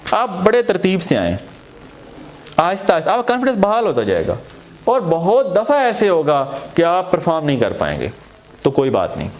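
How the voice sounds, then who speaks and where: A man with a high voice that swings widely up and down as he lectures a room of teachers. He sounds earnest and encouraging, turning straight to his listeners as he coaches them. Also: huge pitch swings. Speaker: teacher trainer. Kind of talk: motivational training lecture. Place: training room before a group of teachers.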